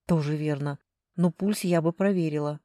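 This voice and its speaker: A woman's voice: low-pitched, moderate pace, dark tone, no echo, studio quality, natural voice. Woman voicing a practical young woman friend. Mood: matter-of-fact.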